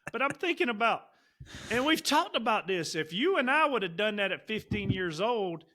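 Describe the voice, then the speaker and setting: A man tells rambling stories to his podcast co-host. His voice is bright and forward and sits a little high for a man. He wanders through tangents in relaxed, casual chat. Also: normal speed. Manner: rambling storyteller, Southern turns of phrase.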